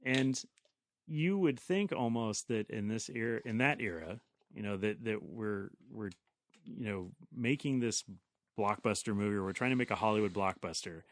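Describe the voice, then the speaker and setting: A man's voice: on the low side, normal speed, no echo, studio quality. A man co-hosting a podcast, chatting casually about films, opinionated and speaking straight to listeners. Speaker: podcast co-host.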